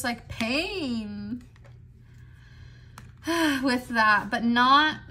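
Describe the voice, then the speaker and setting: Young woman tarot reader, slightly high voice, unhurried and meandering, filler-heavy casual delivery. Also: pushed and bright, a little hiss or hum. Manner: rambling, heavy with "like" fillers, chatty. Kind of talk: casual tarot card reading. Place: indoors at a desk, in a squeaky chair.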